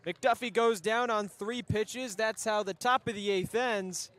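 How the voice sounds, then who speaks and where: A man calling baseball play-by-play, brisk and chatty, bantering with his booth partner. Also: sits high, steady tone, fairly bright tone. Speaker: play-by-play announcer.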